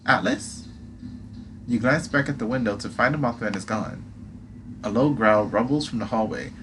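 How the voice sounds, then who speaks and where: A man reading a game's second-person story aloud as narrator, with dramatic delivery. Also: mid-range voice. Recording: clear background noise.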